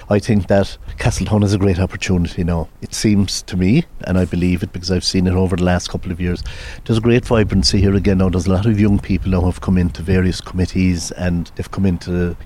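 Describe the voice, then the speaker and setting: A man's voice: deep voice, a little mellow, a little hiss or hum. A man with a West Cork Irish accent, a local historian reflecting conversationally in a rambling way in an interview. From West Cork, Ireland.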